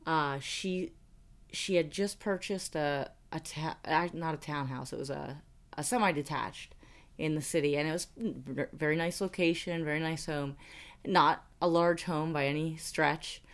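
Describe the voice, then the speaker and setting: An American woman in her thirties co-hosts a casual personal finance podcast, chatting and telling stories in a relaxed way. Her voice sits low and she speaks a little slowly.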